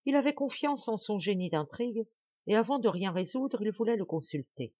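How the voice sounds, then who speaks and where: A woman narrating a classic novel as an audiobook in a measured, expressive reading. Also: medium pitch, slightly rough, dry recording, dull audio. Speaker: audiobook reader.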